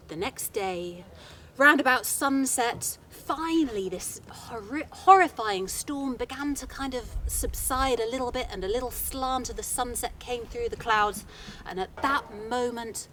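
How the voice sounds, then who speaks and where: A woman telling a folktale live to an audience, in a chatty, animated way with playful asides. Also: a little high, a little hiss or hum. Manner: lively, chatty, dramatic asides. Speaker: storyteller.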